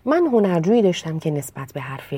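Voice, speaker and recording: A woman teaching pronunciation, explaining calmly and reciting verse slowly and expressively between sound drills. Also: on the low side, breathy edge, no echo. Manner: calm explanatory teaching, addresses listeners politely. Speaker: speech and diction teacher. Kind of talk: pronunciation lesson with poetry recitation.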